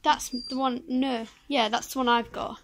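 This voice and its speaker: A woman's voice: on the high side, level tone, moderate pace. A young woman chatting casually and cooing at animals while filming in a pet shop. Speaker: vlogger. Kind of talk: casual chat while shopping. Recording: loud shop ambience.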